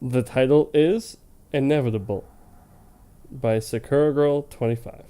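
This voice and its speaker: A man with a warm, clear, resonant voice of medium pitch reads fan fiction aloud a little slowly for a comedy web series. His delivery is casual and comedic, with occasional stumbles, joking asides and easy laughter.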